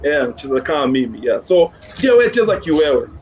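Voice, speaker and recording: Over a noisy crowd, a Kenyan man speaks fast in a slightly high voice with big pitch swings. As a music guest in a casual interview he's encouraging, repeats phrases, and mixes English with Swahili slang, and the recording is muffled with clear background noise.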